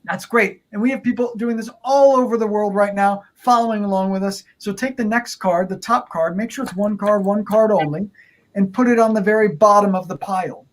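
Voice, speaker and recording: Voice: medium pitch, brisk. A performer with playful kids-party magician patter, giving repeated step-by-step instructions to an online audience in an encouraging way. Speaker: magician leading a card trick.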